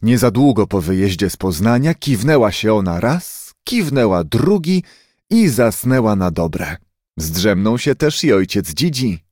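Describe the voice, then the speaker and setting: A man reading a children's storybook aloud, expressive and unhurried. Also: mid-range voice, dry recording, studio quality. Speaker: narrator.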